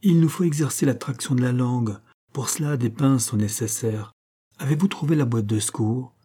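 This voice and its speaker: A man voicing an older, distinguished doctor who speaks in a measured, serious way. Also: medium pitch, mellow, husky, natural voice. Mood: earnest. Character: older distinguished male physician, calm and earnest.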